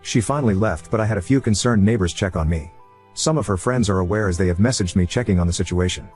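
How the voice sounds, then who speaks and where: Fast-reading man narrating stories. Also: fairly low pitch, a little mellow, breathy edge. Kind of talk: reading online stories aloud.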